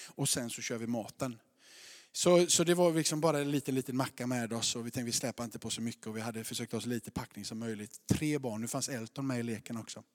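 A man in his thirties preaching a sermon, telling lively personal stories and acting out the voices of his family. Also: a little high. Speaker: pastor.

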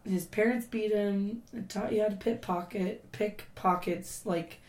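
Hoarse woman podcast co-host, slow rambling chatter, echoey room. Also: mid-range voice, fairly even intonation, darkish tone. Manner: rambling, many fillers, laughs often. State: hoarse, losing her voice. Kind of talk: casual chat.

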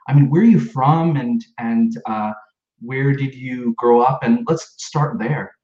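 A man's voice: mid-range voice, measured pace, darkish tone. A man hosting a podcast interview, chatting casually with plenty of fillers and restarts. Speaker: podcast host. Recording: echoey room, slightly dull sound.

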